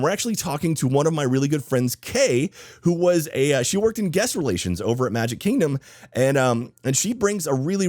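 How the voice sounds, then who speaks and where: A man's voice: medium pitch, darkish tone, no room sound, clean studio sound. A man hosting a podcast in a casual, chatty, enthusiastic way, his voice slightly off because he is sick. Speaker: podcast host.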